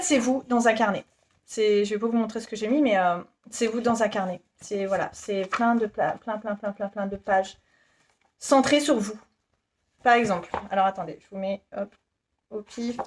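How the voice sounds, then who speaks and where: A woman's voice: medium pitch, a little mellow, slight background noise. A woman in her thirties presenting her work in a casual, giggly, self-deprecating vlog chat. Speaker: YouTuber presenting her shop.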